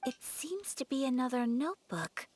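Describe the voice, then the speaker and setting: Ayaka, a soft-spoken noblewoman. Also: sits high, big pitch swings, moderate pace, breathy edge, no echo, heavily acted. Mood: thoughtful. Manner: formal and courteous. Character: graceful, polite young noblewoman. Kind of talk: game voice acting.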